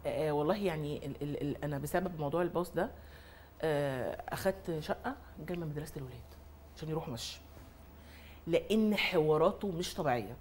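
A woman's voice: deep voice, fast talker, a little hiss or hum. A woman with an Egyptian Arabic accent, a mother and influencer on a talk show, chatting comically and mimicking other mothers. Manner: animated storyteller, mimics other mothers, laughs often. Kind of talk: comic casual chat.

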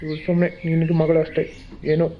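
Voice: medium pitch, monotone, fast, slight background noise, close to an everyday voice. A voice actor playing a harsh middle-aged village father in a cartoon, full of cutting, scornful remarks. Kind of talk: cartoon voice acting. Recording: slightly dull lo-fi sound.

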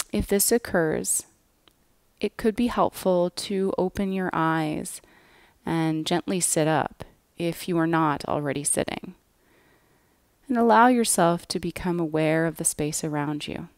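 A woman guides a scripted yoga nidra relaxation meditation at a very slow, unhurried pace. Her voice is lowish and her phrases trail off softly. The recording is close and dry, with almost no room sound and no echo.

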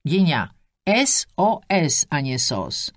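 Eccentric old woman, voiced by a female reader, brisk, matter-of-fact, lively tone. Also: low voice, no echo, studio quality, voice pushed up, heavily acted.

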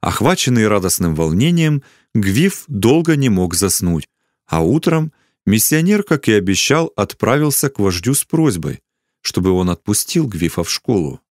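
Low-voiced man reading a children's story. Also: sing-song, normal speed, darkish tone, no room sound, clean studio sound. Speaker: narrator.

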